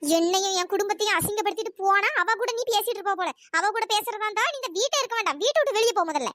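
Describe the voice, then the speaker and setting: A performer voicing a sharp-tongued older aunt in a cartoon story, nagging and accusing. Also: very high-pitched, very fast, no room sound, clean studio sound. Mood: scolding. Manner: nagging, accusing, shouting insults.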